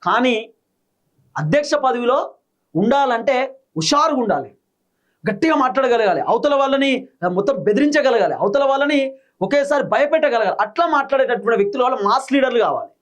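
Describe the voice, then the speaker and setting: A man with a Telangana Telugu accent delivers political commentary at a rapid clip. His voice sits notably high, and he hammers each point home in short, repeated phrases. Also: animated.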